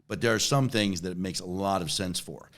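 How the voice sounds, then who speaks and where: This interview guest, a CEO in his forties, has a deep, fairly bright voice and a brisk delivery. He responds conversationally, repeating himself and frequently tossing in "right?"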